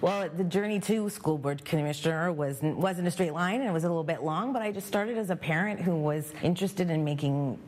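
Low-voiced, reflective middle-aged woman. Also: brisk, few pauses, darkish tone, a little hiss or hum. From Montreal, Canada. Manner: reflective, thoughtful storytelling. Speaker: school board commissioner and parent. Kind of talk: interview answers.

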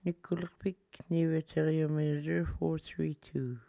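A radio announcer reads out a long list of names and phone numbers in an even, list-like rhythm. The voice comes through with a tinny, muffled lo-fi radio quality. It sits close and dry, with no room sound around it. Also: mid-range voice, normal speed, creaky, no room sound. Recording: dull lo-fi radio audio.

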